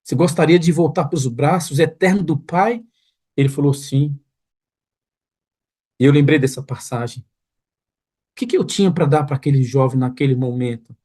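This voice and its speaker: Man, pastor, sermon testimony, mellow tone, earnest storytelling. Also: on the high side, normal speed, husky. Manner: earnest storytelling, rising to pleading intensity. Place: online church broadcast room.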